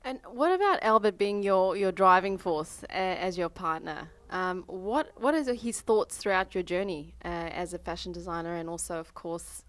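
A woman's voice: lowish voice, animated, moderate pace, few pauses, no room sound. A woman asking interview questions, with fillers and repeated words. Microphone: handheld mic.

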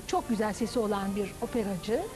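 A woman's voice: mid-range voice, music in the background, rough recording. A woman in her fifties, an opera director and teacher, explaining at length in a studio TV interview on a lapel mic. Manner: measured, explanatory, lecturing.

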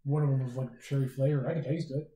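A man joining a casual podcast chat, talking quickly and offhandedly. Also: mid-range voice, fairly even intonation, dark tone, roomy sound, poor audio.

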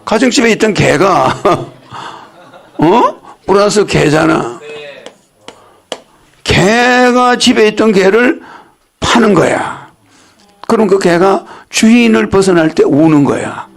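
An older man lectures in a folksy, teasing way, often breaking into laughter and quizzing his listeners. His voice sits high and has a gravelly edge. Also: animated, slow. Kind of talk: religious lecture.

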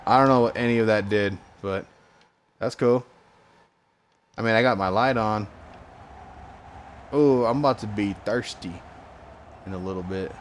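Casual male gamer, American accent, unhurried and slightly low-pitched, muttering slangy thoughts as he plays. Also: a little hiss or hum. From United States. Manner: slangy, thinks aloud in short remarks. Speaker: gamer recording gameplay commentary. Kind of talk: casual gameplay commentary.

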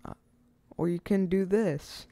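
Over loud music, a tutorial host with a mid-range voice speaks in an unhurried way, recorded close to the mic as a voice-over. The delivery is casual and rambling as he or she walks through an informal, step-by-step software tutorial.

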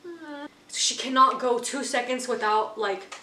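A woman's voice: high voice, a little slow, sharp tone. Blunt young woman telling a story, echoey room. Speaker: vlog co-host. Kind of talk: casual storytelling over a meal. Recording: echoey room with background noise.

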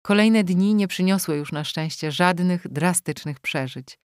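A woman reads a novel aloud with a low, steady voice and a measured storytelling pace. The sound is close-miked and dry, with no room echo. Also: smooth. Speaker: audiobook narrator. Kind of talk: scripted narration.

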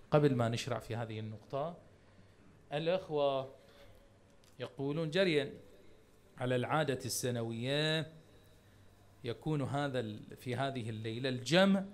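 A man's voice: on the high side, fairly bright tone. A man with a Bahraini Arabic accent giving a Muharram sermon lecture, emphatic and full of rhetorical questions aimed at the congregation. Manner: addresses the congregation directly. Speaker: religious lecturer.

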